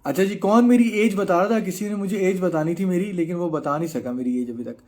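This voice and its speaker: Pakistani-accented man, early thirties, slightly high voice, chatty live Q&A, mixes English in, lots of filler pauses. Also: a little mellow. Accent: Pakistani Urdu. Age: 30s. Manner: chatty, reads out viewer comments and answers frankly. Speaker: bodybuilder answering live chat. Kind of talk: casual live-stream Q&A.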